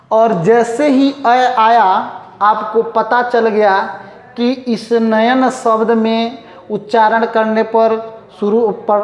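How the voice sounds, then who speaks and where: A man teaches grammar in a classroom with a slow, deliberate pace. He keeps asking rhetorical questions and then supplies the answers himself. His voice echoes around the room. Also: high-pitched. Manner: repeats rhetorical questions to students. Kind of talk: whiteboard lesson.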